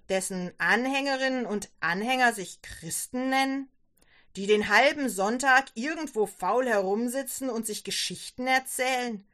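A woman voicing a stern middle-aged merchant father who gets angry and scolds loudly. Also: mid-range voice. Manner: loud, scolding, dismissive.

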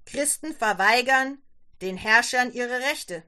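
A woman voicing a stern middle-aged merchant father who gets angry and scolds loudly. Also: mid-range voice, expressive, measured pace. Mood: angry shouting. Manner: loud, scolding, dismissive.

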